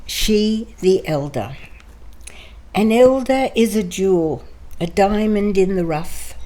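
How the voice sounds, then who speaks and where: Older greek-born woman reading her poem real slow, low mellow voice. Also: expressive, rough recording. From Greece. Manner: slow, measured recitation. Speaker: interview guest. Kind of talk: poetry reading and personal storytelling. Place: her home.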